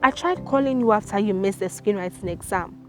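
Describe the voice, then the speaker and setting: A woman voicing a concerned young female classmate, firing off quick, anxious questions. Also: mid-range voice, darkish tone, faint music behind, natural voice. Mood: worried.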